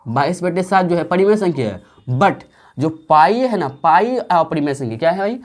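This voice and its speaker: A woman's voice: lowish voice, expressive, darkish tone. A woman teaching a maths lesson online. She explains patiently, repeats herself often, and asks and answers her own check-in questions. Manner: patient, drawn-out explaining pace with frequent fillers. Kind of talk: online classroom lecture.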